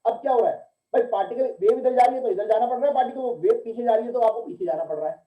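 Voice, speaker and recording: A man's voice: very high-pitched, very fast. A man giving a physics class, who keeps asking questions and answering them himself and calls his students "beta". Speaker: physics teacher. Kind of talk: classroom lecture. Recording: echoey room, tinny phone-like sound.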